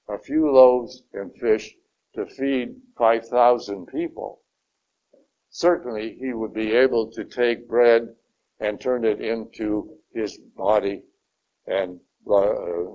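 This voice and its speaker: A man teaching a Bible study lesson, slow and deliberate, stressing key words. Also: medium pitch, darkish tone. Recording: dull lo-fi recording.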